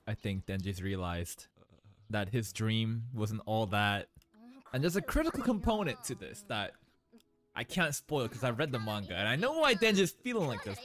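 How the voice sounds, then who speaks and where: A young man in his twenties giving excited reaction commentary from a small room, close to a boom mic, laughing and breaking into shouts. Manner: animated, laughing, shouts in bursts. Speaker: anime reaction streamer. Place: small room indoors, in a gaming chair. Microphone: studio mic on boom arm, close.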